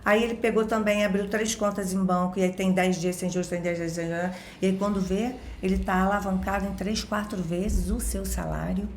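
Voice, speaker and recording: A woman's voice: mid-range voice, steady tone, a little fast, hardly any pauses, echoey room, a little hiss or hum. A woman with a Rio de Janeiro accent, a guest expert explaining things in casual chat with everyday examples and constant tag questions. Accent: Rio de Janeiro Portuguese. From Brazil, born in Minas Gerais.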